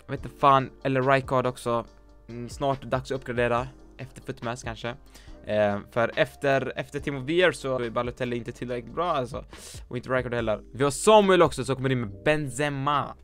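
A man's voice: medium pitch, a bit bright. A man reviewing viewers' football game teams in casual commentary, blunt and joking, swearing often and mixing in English slang. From Sweden. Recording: faint music behind.

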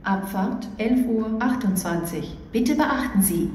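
A woman reading flat, scripted railway platform announcements in measured, separate phrases as a station announcer. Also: a little high, breathy edge.

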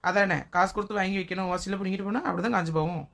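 A woman's voice: mid-range voice, steady tone, racing. A woman, playing a grumbling, sarcastic sister-in-law in a family comedy skit. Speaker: comedy sketch performer.

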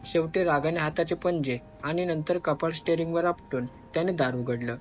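A man narrating a horror story in an expressive, dramatic storytelling style. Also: fairly high pitch, moderate pace, soft background music. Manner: expressive, switches voices for characters.

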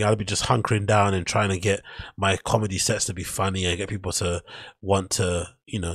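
A man's voice: fairly low pitch, slightly rough, dry recording, studio quality. A man hosting a podcast, commenting casually and skeptically while reading through posts and an article on screen, rambling and correcting himself as he goes. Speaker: podcast host. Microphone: studio mic on boom.

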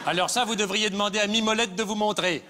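Male comic, high voice, rattling on as a patronizing politician; live theatre, audience laughter. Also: fairly even intonation, fast talker, pushed and bright, some chatter behind, a little hiss or hum. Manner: smug, repetitive, patronizing politician. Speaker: comedian in a political debate sketch. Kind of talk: live stage sketch.

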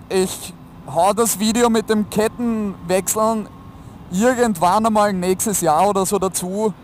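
Male Austrian motovlogger, high-pitched, casual colloquial chat, enclosed helmet sound with some traffic noise behind. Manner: colloquial, slangy. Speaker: motorcycle vlogger. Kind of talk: casual chat to viewers while riding. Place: inside a motorcycle helmet, riding outdoors on a motorway. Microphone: helmet-mounted mic. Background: motorcycle and traffic noise.

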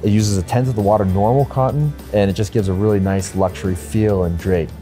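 A man in his thirties speaks quickly and enthusiastically in a promotional interview. His voice is low and mellow. Soft music plays beneath him. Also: fairly even intonation. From Canada. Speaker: clothing company co-owner. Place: indoor brewery taproom.

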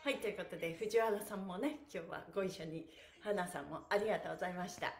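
Speaking quickly at a medium pitch over slight background noise, a middle-aged stretch class host and pantomime performer leads a livestreamed session. She's energetic, giggly, and upbeat, calling out counts and slogans and chatting with viewers. The small bare-walled room echoes, picked up by a distant phone or camera mic.

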